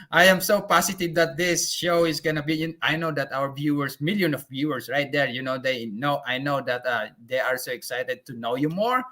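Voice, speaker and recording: A male talk show host with a bright, forceful tone and a fairly high voice. He talks in an upbeat, effusive way, laughing often as he introduces his guest and puts questions to her on a live online show. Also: moderate pace.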